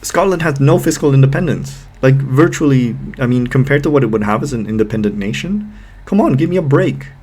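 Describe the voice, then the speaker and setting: A man commenting on a video clip, exasperated and sarcastic, swearing and slowing down to hammer his points. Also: mid-range voice, expressive, darkish tone, husky. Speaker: political commentator.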